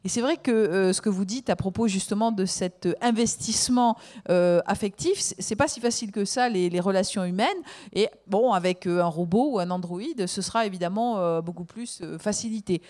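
Halting woman in a discussion. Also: medium pitch, darkish tone. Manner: hesitant, halting, many fillers.

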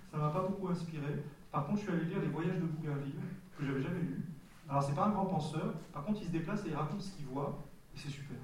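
A man in his forties from Nice, a guest author answering questions in a candid, halting way at a public event. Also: a little high, a little mellow, a little hiss or hum. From Nice, France. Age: 40s. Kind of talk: casual public Q&A. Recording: echoey hall from far off.

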